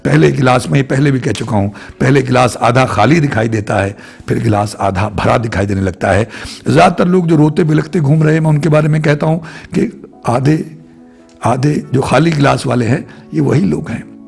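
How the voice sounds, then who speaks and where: A man's voice: medium pitch, normal speed, gravelly, darkish tone, slightly rough, soft background music. A man giving a reflective spiritual talk to his viewers, repeating phrases in long lists. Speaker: spiritual speaker.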